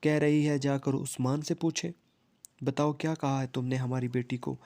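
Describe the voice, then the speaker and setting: A man's voice: medium pitch, little pitch movement, mellow, lightly acted. A man voicing an insistent middle-aged mother who scolds her son, in a storybook reading. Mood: scolding.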